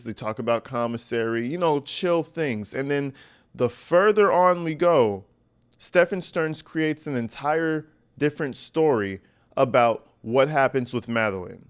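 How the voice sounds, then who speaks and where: A man's voice: mid-range voice, measured pace, smooth. Blunt, slangy man giving emphatic commentary. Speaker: host of a true-crime commentary show. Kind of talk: informal opinionated commentary.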